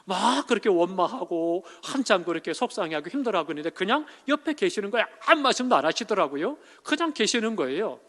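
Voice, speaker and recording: A middle-aged male pastor delivering an emotional sermon, swinging between loud, emphatic declarations and soft, hushed passages. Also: sits high, very animated, fast, few pauses. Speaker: senior pastor. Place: church sanctuary. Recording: church hall with long reverb.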